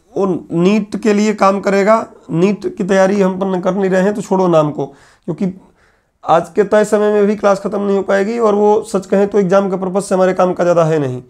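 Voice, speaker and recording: A male teacher giving a classroom lecture, repeating key phrases slowly so students can write them down. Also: sits high, a little mellow. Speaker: exam coaching teacher. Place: classroom with whiteboard.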